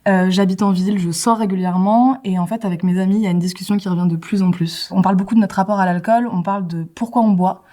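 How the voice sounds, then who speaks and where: A woman's voice: mid-range voice, fairly even intonation, fast, few pauses, warm tone. A woman in her thirties talking casually as a caller, with small hesitations as she asks for advice. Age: 30s. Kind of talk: casual testimony.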